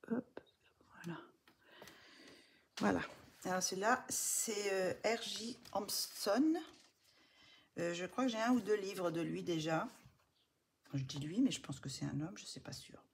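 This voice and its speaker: A coloring book vlogger shows off her books in a casual show-and-tell chat, her medium-pitched voice lively in intonation yet unhurried and creaky, with long pauses. Soft-spoken and full of fillers, she often drops to a near whisper while gushing over the pages. There's a little hiss or hum.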